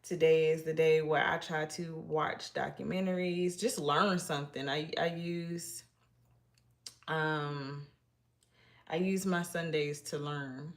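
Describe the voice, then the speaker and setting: A middle-aged woman from Massachusetts, United States, hosts a casual livestream and chats with viewers, shy and rambling with many restarts. Her voice sits low, with fairly even intonation and a slow pace.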